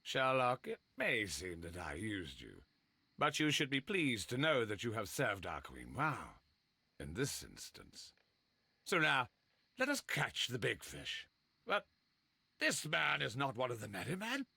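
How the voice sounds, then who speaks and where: A haughty, imperious gentleman from a video game. His voice is husky and very sharp, swinging widely in pitch as he commands and dismisses, recorded dry. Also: wildly swooping pitch, measured pace, no room sound, heavily acted. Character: imperious, dismissive gentleman, detective's elder brother.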